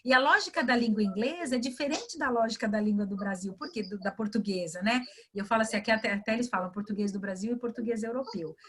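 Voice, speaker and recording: A fairly high-voiced woman from Brazil speaks as a mentor in an online webinar. She talks in a lively way, acts out little dialogues and keeps checking in with her listeners. The sound comes through a video call. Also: fast, few pauses. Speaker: guest, career and English mentor. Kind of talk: explaining in a webinar chat.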